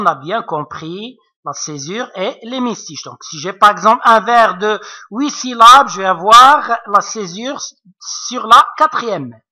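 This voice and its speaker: Slow, bright-toned male teacher, hesitant. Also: high-pitched. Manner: hesitant, many fillers, keeps checking understanding. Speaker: French literature teacher. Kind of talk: recorded online lesson. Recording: dull lo-fi recording.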